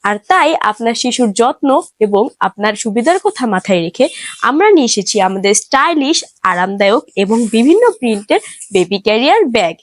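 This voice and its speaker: A woman reading a scripted product advertisement as an upbeat sales pitch. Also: dry recording. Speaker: ad voice-over.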